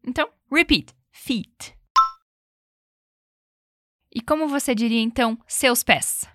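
A woman teacher leads an English lesson, explaining phrases and having the listener repeat them. Her voice is bright and a little high. She says the English examples slowly and clearly, and the recording is dry and close. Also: no room sound. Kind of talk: language lesson with repetition drills.

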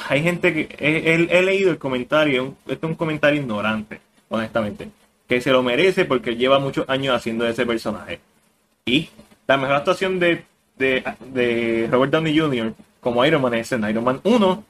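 A man's voice: mid-range voice, a bit bright, a little hiss or hum. A man co-hosting a casual podcast chat, opinionated and mixing English words into his talk. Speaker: podcast co-host.

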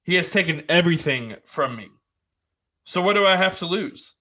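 A man's voice: fairly high pitch, lively intonation, moderate pace, pushed and bright. A man voicing a defiant adult male wrestler cutting a brash, taunting promo.

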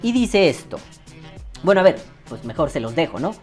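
A man's voice: fairly high pitch, sing-song, normal speed, faint music behind. A Mexican man hosting a casual commentary, crude and sarcastic as he critiques another creator. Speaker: vaping commentary host. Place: at his desk on camera.

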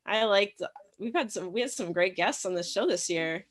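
A woman guest chatting playfully on a video call, dropping deadpan jokes. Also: medium pitch, normal speed. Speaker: returning guest. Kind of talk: casual chat on a video call.

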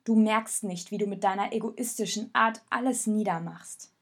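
A woman voicing a young boy, heated and scornful, in a storybook reading with a slightly breathy voice. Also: mid-range voice, normal speed, close to an everyday voice. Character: boy named Jonas, young, mocking and accusing.

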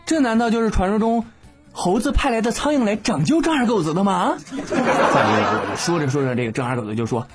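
A man's voice: high voice, very animated, fairly quick, soft background music. A man, hosting a comedy podcast and telling jokes in a playful, slangy way. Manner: playful, laughs often, slangy. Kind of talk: casual joke telling.

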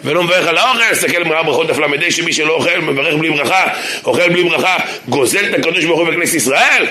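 A man who is a rabbi, giving a humorous Torah lesson in a synagogue. He speaks animatedly and jokes, swinging between loud shouts and low asides. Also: crowd noise.

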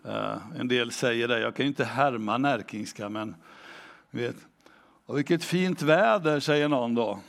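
A man preaching a sermon, asking the congregation direct questions and reading scripture aloud slowly and deliberately. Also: mid-range voice, steady tone, creaky, fairly bright tone. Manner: engaging, asks the congregation questions. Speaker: pastor.

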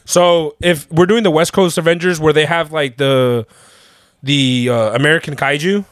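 A young man co-hosting a podcast in casual chat, excited and slangy, laughing often. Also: a little high, normal speed, dry recording. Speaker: podcast co-host.

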